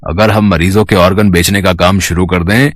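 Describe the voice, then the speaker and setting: A greedy, scheming male doctor from a storybook drama speaks in a low, manipulative voice, played by a man. The sound is close and dry, with no room around it. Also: fairly even intonation, normal speed, no echo.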